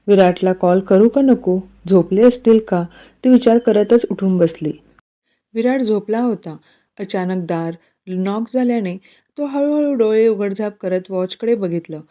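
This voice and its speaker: A woman narrating a romantic story in a steady, scripted storytelling manner. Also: medium pitch.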